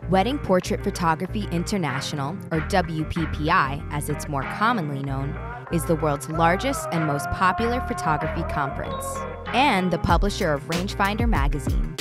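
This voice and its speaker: A woman narrates a documentary in a measured, formal way, her voice sitting low. Loud music plays underneath the whole time. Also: lively intonation.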